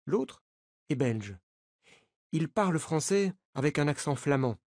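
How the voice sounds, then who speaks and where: A narrator reading a novel aloud in a slow, clear, learner-paced way. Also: medium pitch, animated, a little mellow, no room sound, studio quality. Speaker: audiobook narrator. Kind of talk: scripted narration of a graded-reader novel.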